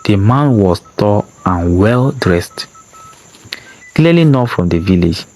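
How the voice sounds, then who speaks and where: Man reading a sad story out loud, slow and dramatic, lowish voice. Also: animated, rough recording. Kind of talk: scripted story narration.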